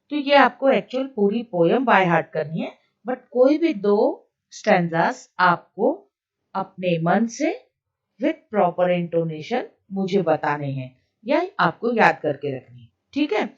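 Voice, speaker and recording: Indian woman, English teacher, lively pitch, dull distant recording. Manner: slow, deliberate English; quicker Hindi explanations; frequent "okay?" checks. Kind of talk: recorded online lesson, mixing English and Hindi.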